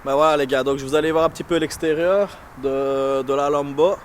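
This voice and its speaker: A man's voice: a little high, steady tone, a little fast. A man with an unusual French accent hosting a casual car vlog, talking in a hesitant, chatty way with many fillers and restarts. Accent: non-standard French accent. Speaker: car channel host. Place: in a car, then outdoors beside parked cars. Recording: noisy, with car and street sound. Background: vehicle and street noise.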